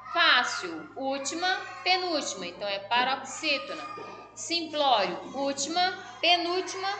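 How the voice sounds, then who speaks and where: A woman teacher giving a recorded school lesson, patiently explaining exercises and often checking in with her pupils. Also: high-pitched. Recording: echoey room with background music.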